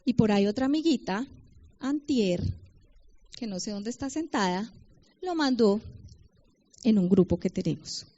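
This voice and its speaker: A middle-aged Colombian woman giving a personal testimony sermon to a women's gathering, with humor between slow readings of scripture. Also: fairly high pitch, expressive, mellow. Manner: personal testimony with humor, reads Bible verses slowly. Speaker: women's ministry speaker. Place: conference hall. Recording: dull lo-fi event recording.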